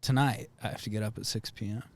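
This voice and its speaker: A man co-hosting a comedy podcast, deadpan and worn out, mocking himself in casual banter. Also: on the low side, fast. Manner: deadpan, tired, self-mocking. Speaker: podcast co-host.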